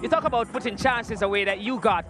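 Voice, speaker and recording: A man's voice: high voice, fast talker, over music. A man interviewing a player after a match, praising him and asking leading questions. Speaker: pitchside interviewer.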